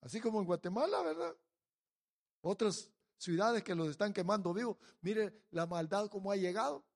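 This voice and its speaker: Un hombre predicando un sermón, exhortando a la congregación y pasando de tono bajo a fuerte énfasis. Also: male voice, high voice, animated, normal speed, gravelly. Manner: exhorting, addressing the congregation directly; swings from quiet to loud emphasis. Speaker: preacher. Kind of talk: sermon.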